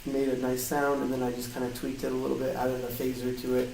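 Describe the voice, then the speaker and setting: With vocal fry, a darkish tone, medium pitch, and a completely flat delivery, a man explains his game audio design work to an interviewer. His speech is casual, hesitant, halting, and loosely worded. The small hard-walled co-working office produces a roomy metallic flutter echo, picked up with faint noise by a distant mic.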